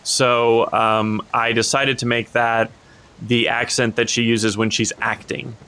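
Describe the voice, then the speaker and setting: Bright-voiced man, eager and rambling. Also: medium pitch, little pitch movement, measured pace. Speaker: podcast co-host and player. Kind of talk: casual podcast chat.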